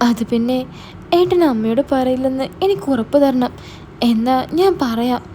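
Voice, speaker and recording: A frightened teenage girl, as a woman puts her on stumbles over her words and begs in a high, anxious voice. The tone stays soft and mellow rather than sharp, and there is a faint hiss behind it in this storybook reading. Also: expressive, normal speed. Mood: scared pleading. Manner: hesitant, stammering. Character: teenage girl, younger sister, scared and pleading.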